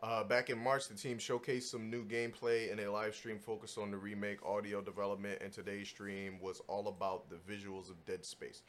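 A man's voice: lowish voice, little pitch movement, moderate pace, few pauses, a little hiss or hum. A man hosting a casual gaming news chat, talking bluntly in slangy, profane bro speak. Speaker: podcast host.

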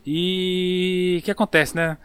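A young man with a São Paulo accent telling a story in a casual, slangy, animated way. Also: high-pitched, slow, faint music behind. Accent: São Paulo Portuguese. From São Paulo, Brazil. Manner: animated, slangy storyteller who acts out voices.

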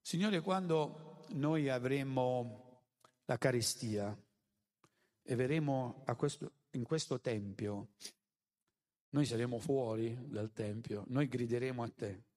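Slow, echoing preacher. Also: male voice. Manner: rises high on emphatic lines, drops low and soft on prayers. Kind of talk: sermon. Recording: echoey hall.

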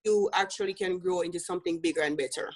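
This Jamaican business coach, a woman with a Jamaican accent, has a lowish voice and talks at a quick pace. As an interview guest she comes across as earnest, laughing readily and filling her speech with fillers.

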